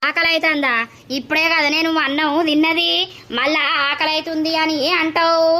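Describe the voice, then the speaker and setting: A woman voicing a harsh, pregnant village stepmother in an animated drama, speaking with a Telangana Telugu accent in a sharp, scolding manner. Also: high voice, normal speed.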